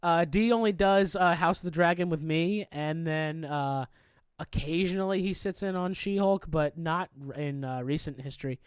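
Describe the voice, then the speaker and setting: High, smooth-voiced podcast host. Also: male voice, normal speed, dry recording. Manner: loose, joking and profane. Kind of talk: casual chat.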